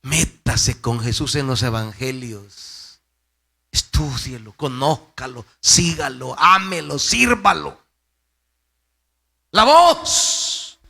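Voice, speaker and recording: A pastor from El Salvador with a Salvadoran accent delivers a slow, drawn-out sermon. His gravelly, bright voice swings widely in pitch, and he repeats key phrases for emphasis. He moves from hushed asides to loud declarations. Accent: Salvadoran Spanish.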